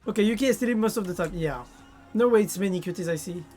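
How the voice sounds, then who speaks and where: A woman's voice: medium pitch, fast talker, a little mellow, soft background music. A woman with a French accent chatting casually with viewers while playing a game on a live stream. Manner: chatty, answers viewers' chat.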